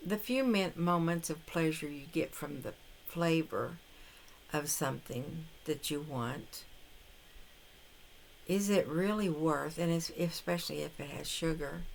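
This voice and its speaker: An older woman vlogs casually to camera about a carnivore diet challenge, rambling and hesitant, often restarting her sentences. Her voice is low-pitched with vocal fry and an unhurried pace, and there's a little hiss or hum.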